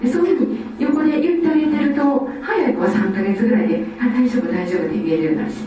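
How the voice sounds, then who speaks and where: A woman from Osaka, giving a lively lecture on child development. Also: high-pitched, rapid-fire, slight background noise. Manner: lively, acts out children's speech. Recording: echoey hall, distant mic, faint ambience.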